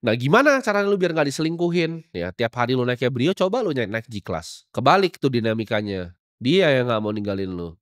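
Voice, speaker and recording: A man's voice: medium pitch, sing-song, fairly quick, no room sound, studio quality. A young man delivering a blunt, scolding motivational rant as a podcast host, full of slang and confrontation. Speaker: podcast host giving life advice.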